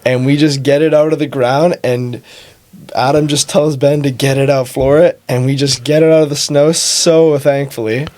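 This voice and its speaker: A young man, the host's son, telling a story about a trip in a plain, steady way. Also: medium pitch, normal speed, no room sound. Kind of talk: recounting a story.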